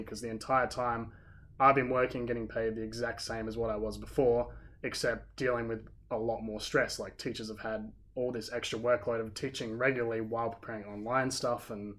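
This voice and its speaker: An Australian man in a casual podcast chat, giving firm opinions and leaning on "like" as he talks. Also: medium pitch. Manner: opinionated and emphatic, leans on "like".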